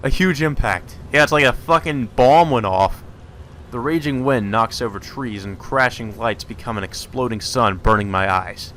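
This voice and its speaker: Reading a visual novel aloud for a let's play, a man keeps interrupting himself with irreverent, off-the-cuff remarks full of swearing. He has a medium-pitched, fairly bright voice at a moderate pace, with slight background noise.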